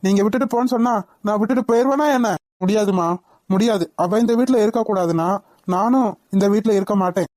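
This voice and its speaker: A woman's voice: medium pitch, quick pace, darkish tone, no room sound, lightly acted. Young cartoon son standing his ground, earnest pleading, woman doing the voice. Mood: defiant. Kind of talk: cartoon voice acting.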